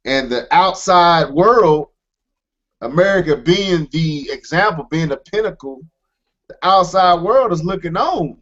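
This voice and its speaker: A man's voice: fairly high pitch, lively intonation, a little slow, a bit bright, highs cut off. A man co-hosting a podcast, talking earnestly and emphatically in casual chat, circling back with restarts. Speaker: podcast co-host.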